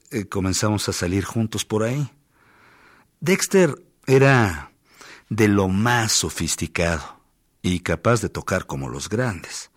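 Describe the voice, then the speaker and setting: A man reading a first-person memoir aloud as an audiobook, in a measured, intense storytelling manner. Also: fairly low pitch. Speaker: audiobook reader.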